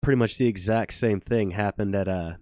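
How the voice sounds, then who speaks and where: A man's voice: on the low side, a little fast, a little mellow, dry recording, clean studio sound. A man co-hosting a casual podcast chat with his brother, meandering and chuckling often. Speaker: podcast co-host.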